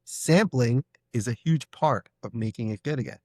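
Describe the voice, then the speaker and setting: A man's voice: mid-range voice, moderate pace, no room sound, studio quality. A man hosting a podcast, chatting enthusiastically with his guest and acting out quotes. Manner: enthusiastic, animated, acts out quotes. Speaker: podcast host. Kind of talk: casual interview.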